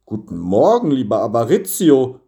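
A man voicing a kind, wise old bishop who speaks calmly and gently. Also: medium pitch, moderate pace. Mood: gentle. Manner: calm, gentle speech.

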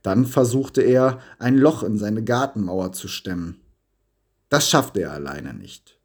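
Husky, slow storybook narrator, male. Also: lowish voice. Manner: expressive, lively storytelling.

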